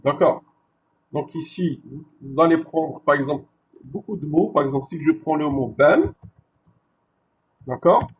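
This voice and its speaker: A male university lecturer giving a classroom lecture, slow and repetitive, checking with his listeners after each point. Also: a little high, expressive, highs cut off, slight background noise. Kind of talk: classroom lecture on French spelling.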